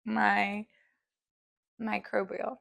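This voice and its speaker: A woman's voice: mid-range voice, flat delivery, very slow, vocal fry, a bit bright. A woman hosting a cooking show, chatty and giggly, stumbling over words as she demonstrates a recipe.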